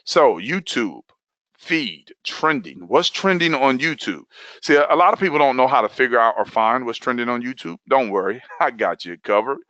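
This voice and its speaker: A man's voice: medium pitch, animated, normal speed, pushed and bright, dry recording, muffled recording. A man coaching an online class on video content, talking loosely and repeating key phrases for emphasis. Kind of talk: live online training session.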